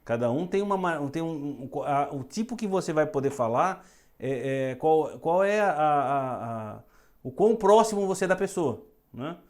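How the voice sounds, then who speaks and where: A woman's voice: low voice, animated, a little mellow. Brazilian woman teaching English phrases. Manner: repeats phrases slowly for students to echo. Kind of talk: bilingual English lesson.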